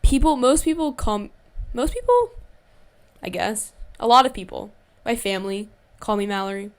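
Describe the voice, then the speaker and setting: A young woman hosting a podcast on her own, telling a casual story in a chatty way, full of "like" fillers and quick asides. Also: mid-range voice, expressive, clean tone. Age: young adult. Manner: chatty, heavy use of "like" fillers, quick asides and self-corrections. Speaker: podcast host. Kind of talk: casual solo storytime chat.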